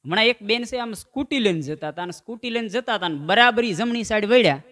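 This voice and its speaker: Bright high-voiced comedian. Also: male voice, quick pace. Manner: animated joke-telling, acts out quoted voices. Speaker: stand-up comedian. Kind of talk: Gujarati folk comedy storytelling.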